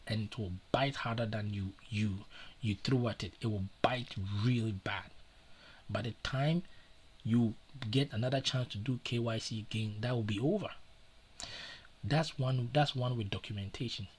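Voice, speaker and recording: A man's voice: mid-range voice, breathy edge. A man hosting a live stream and giving casual advice in an earnest, repetitive way, with many fillers and restarts. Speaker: livestream host.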